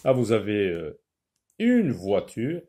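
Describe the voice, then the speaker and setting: A man teaching a children's phonics lesson, repeating each word slowly and sometimes explaining in Arabic. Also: lowish voice, huge pitch swings, warm tone. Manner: slow, repeats words syllable by syllable.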